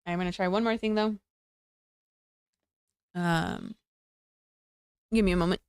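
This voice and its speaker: Woman streamer with the hiccups, smooth voice. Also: lowish voice, steady tone, unhurried, a little mellow, dry recording, studio quality. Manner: chatty, exasperated and rambling. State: has the hiccups. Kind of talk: casual chat to stream viewers.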